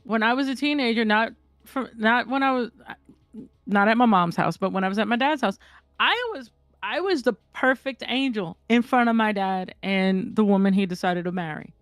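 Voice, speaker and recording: A candid, animated woman telling stories in casual chat, her voice sitting a little higher than most and recorded close and dry. She talks bluntly and swears without hesitation, and faint music plays underneath. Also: normal speed, dry recording.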